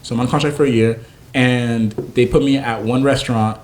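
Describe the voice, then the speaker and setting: Animated young man telling stories. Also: medium pitch, brisk. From Naples, Florida. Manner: animated storyteller, acts out quoted voices. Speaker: guest chef and food truck owner. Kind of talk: casual interview chat.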